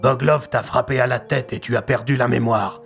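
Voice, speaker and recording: A man's voice: mid-range voice, fairly even intonation, normal speed, soft background music, lightly acted. A man voicing a weary, mustached police commissioner in an audio story, speaking in a dry, matter-of-fact way. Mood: calm.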